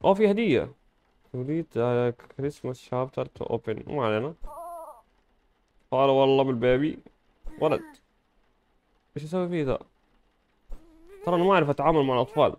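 Man, gaming host, casual play-by-play, jokey with sudden loud outbursts. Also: medium pitch, lively intonation, fast talker, pauses often. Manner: playful, joking, bursts of loud exclamation. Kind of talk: casual gameplay commentary.

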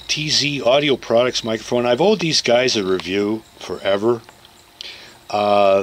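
A man's voice: fairly low pitch, a bit bright, a little hiss or hum, rough recording. A man hosting a casual studio visit, joking loosely and swearing now and then. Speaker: video host. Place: recording studio.

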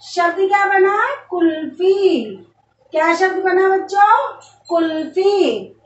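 Slow high-voiced woman teacher. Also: fairly even intonation, far from the mic. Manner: slow, drawn-out syllables with repeated questions to pupils. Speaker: primary school teacher. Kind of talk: online Hindi phonics lesson. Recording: dull roomy sound from off-mic.

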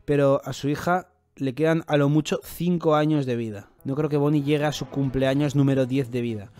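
A man voicing a serious male doctor giving grim news, in a plain, measured reading. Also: medium pitch, fairly even intonation, dark tone, dry recording, close to an everyday voice. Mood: grave. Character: grave male doctor delivering bad news.

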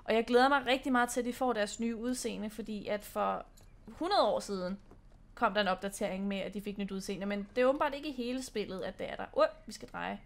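A woman's voice: medium pitch, vocal fry. A young woman from Denmark giving casual, playful commentary while playing a horse-riding game. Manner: chatty, playful, giggly. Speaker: gaming channel host.

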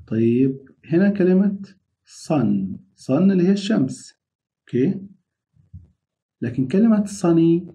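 Male teacher, very dark mellow tone, dull lo-fi sound, drawn-out model words. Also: medium pitch. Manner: repeats model words slowly and clearly. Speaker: English teacher. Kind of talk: remote lesson for young children.

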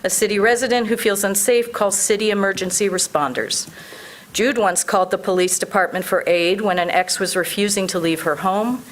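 A woman's voice: medium pitch, steady tone, normal speed, slight background noise. Earnest woman giving public comment. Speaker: public commenter at a city council meeting. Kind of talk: prepared advocacy speech. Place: public meeting room.

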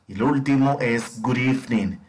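A man teaching an English lesson, explaining and slowly drilling greetings for students to repeat. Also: mid-range voice, a little mellow, a little hiss or hum. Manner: slow, clear, deliberate drilling. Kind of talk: bilingual language lesson with repetition drills.

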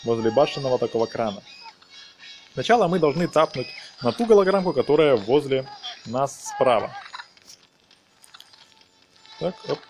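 A male let's player walks viewers through a game step by step, casual and full of slang and diminutives. His mid-range voice is expressive and moves at a normal speed with frequent pauses, faint music playing underneath.

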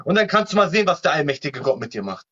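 Guy with a high voice preaching hard on a livestream, keeps warning about hellfire, muffled lo-fi audio. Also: very animated, rapid-fire, a bit bright. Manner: admonishing, repetitive, fire-and-brimstone warnings. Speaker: online evangelist. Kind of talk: heated live-stream debate preaching. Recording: muffled lo-fi live-stream audio.

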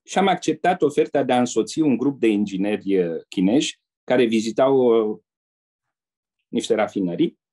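An older man from Romania speaks in a warm, mellow and slightly husky voice. He tells his memories slowly as a guest in an interview. He often slips into the voices of the people in his stories. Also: medium pitch, animated. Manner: measured storyteller who acts out quoted people. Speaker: guest, retired diplomat. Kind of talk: anecdotal interview storytelling.

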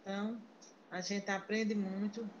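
A woman's voice: mid-range voice, level tone, a little slow, a little hiss or hum. A woman from Paraíba, chatting in a video call meeting and telling stories with many restarts. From Paraíba, Brazil. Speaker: meeting participant. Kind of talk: casual chat on a video call. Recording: muffled video call audio.

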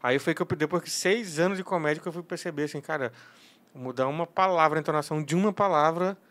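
A male comedian from Brazil chatting on a podcast, telling stories in a relaxed, slangy way. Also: on the high side, fast. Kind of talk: casual podcast chat.

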